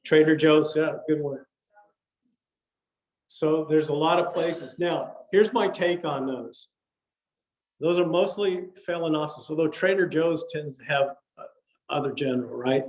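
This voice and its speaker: An older man gives an easygoing talk at a garden club meeting. His voice sits a little high, and his delivery is chatty, with repeated words and frequent "okay"s. The recording carries the echo of a meeting room. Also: unhurried, pauses often. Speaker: orchid society speaker. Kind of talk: casual slide lecture. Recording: echoey room.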